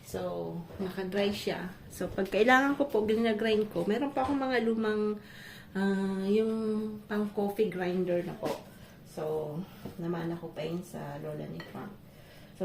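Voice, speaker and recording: In an echoey home kitchen full of loud clatter, a Filipina vlogger chats casually as she cooks, laughing often while telling stories. Her voice sits at a medium pitch with a creaky edge, and there's background noise.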